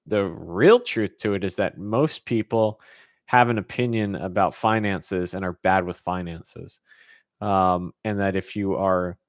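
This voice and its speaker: A man from California, United States, answers viewer questions in a casual Q&A chat, speaking informally and thinking aloud as he rambles. His fairly low voice comes through clean studio sound with no room sound.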